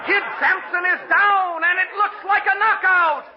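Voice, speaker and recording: Excitable American ringside commentator, extremely high-pitched, 1940s radio comedy, noisy vintage broadcast sound. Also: male voice, measured pace, dull audio, a loud crowd. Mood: excited. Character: excitable ringside fight announcer, earnest and brisk.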